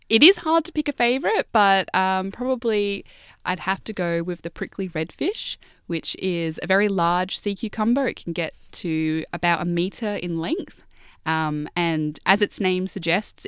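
Young female science guest, clean smooth voice, slightly low, chatty and keen explainer. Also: dry recording, studio quality. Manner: informal, enthusiastic. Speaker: guest researcher, PhD candidate. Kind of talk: casual interview chat, explaining.

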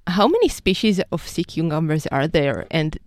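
Female radio host, bright and curious about science, animated pitch, lowish register, dry close sound. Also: normal speed, dry recording. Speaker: science show host in training. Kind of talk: radio interview, presenting.

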